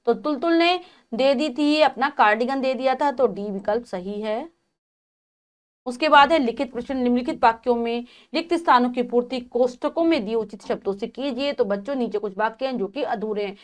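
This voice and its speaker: A woman's voice: fairly high pitch, normal speed. A woman teacher patiently reading and explaining a textbook lesson, retelling the story in her own words.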